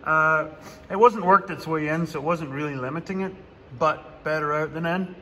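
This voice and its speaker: Talking through a repair job in his farm workshop, a man speaks at a moderate pace in a bright, forceful voice on the high side. A long reverb tail and a little hiss or hum color the audio. His casual vlog narration is plainspoken and drily sarcastic.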